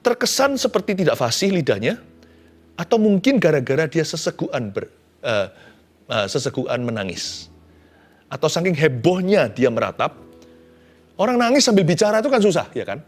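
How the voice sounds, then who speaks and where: Animated male preacher. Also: fairly high pitch, normal speed, long pauses, soft background music. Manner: animated, conversational preaching with dramatic quotes. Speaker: pastor. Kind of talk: sermon.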